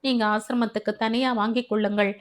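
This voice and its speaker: Woman reading as a chill stubborn young guy, cool questioning tone, bit high. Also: steady tone, fast, lightly acted. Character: calm, stubborn young man, dry and teasing.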